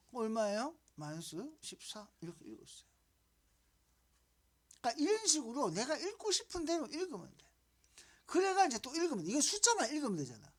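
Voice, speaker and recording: A woman teaching middle-school math, her voice a little husky and her pitch rising and falling a lot. She walks students through the steps, repeating herself and asking them questions. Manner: repetitive, coaxing, asks students questions. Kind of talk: classroom math lesson.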